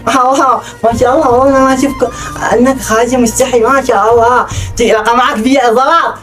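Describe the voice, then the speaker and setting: A man's voice: very high-pitched, steady tone, fast. An actor with a Yemeni accent playing a stern grocery shopkeeper who scolds a neighbor and insists on being paid his debts. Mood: scolding. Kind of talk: web drama acting. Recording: loud music under the dialogue.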